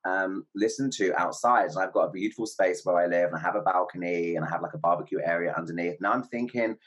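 A man co-hosting a casual music podcast, chatty and quick to laugh. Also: sits low, a bit bright. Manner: chatty, giggly, apologetic asides. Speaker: podcast co-host. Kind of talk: casual chat.

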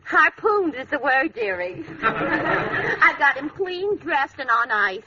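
A woman's voice: high-pitched, sing-song, slow pace, over a noisy crowd, very noisy, exaggerated voice. An actress playing a brash, wisecracking woman who calls everyone dearie, in a 1940s radio comedy. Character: brassy, tough-talking woman, man-hunting and catty. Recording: muffled old radio broadcast.

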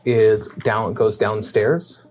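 Very low-voiced woman running a game. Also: fairly even intonation, slow, a little mellow. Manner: easygoing, describes scenes with fillers and restarts. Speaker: game master. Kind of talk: narrating a tabletop game.

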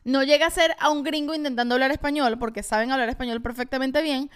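Woman podcast co-host, high voice, smooth and clear, enthusiastic, long explanations. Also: steady tone, fast. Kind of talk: casual chat.

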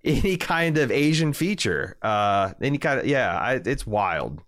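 A man co-hosting a casual comedy podcast, animated and mock-exasperated as he riffs on an old TV show. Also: medium pitch, measured pace. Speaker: podcast co-host.

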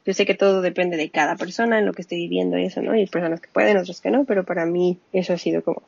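A Spanish-speaking scientist and mother talks very fast in a fairly low, slightly rough voice with vocal fry and no echo. In a casual interview chat she tells stories animatedly, quoting herself along the way. The audio is muffled, lo-fi and dry.

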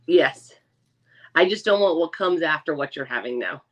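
A woman with a moderately low voice co-hosts a podcast. She chats casually, with informal, laid-back wording, in the style of an everyday conversation. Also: expressive, normal speed, highs cut off. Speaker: podcast co-host. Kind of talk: casual chat.

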